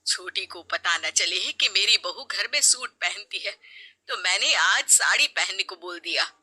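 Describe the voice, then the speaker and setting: A kind mother-in-law in middle age, as a woman storyteller plays her, speaking softly and unhurriedly. Her voice stays bright and clear as she reassures and explains. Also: mid-range voice, animated, a little slow, heavily acted. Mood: gentle. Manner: soft, patient, explaining.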